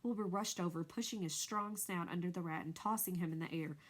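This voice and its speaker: A woman's voice: on the low side, a little fast. A woman reading a storybook aloud, narrating expressively and changing her voice for each animal. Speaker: reader.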